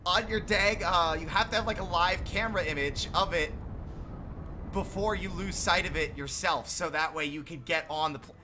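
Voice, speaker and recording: A man commentating his own gameplay, thinking aloud and bursting into excited exclamations. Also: high-pitched, normal speed. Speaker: streamer playing a video game. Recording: game music behind.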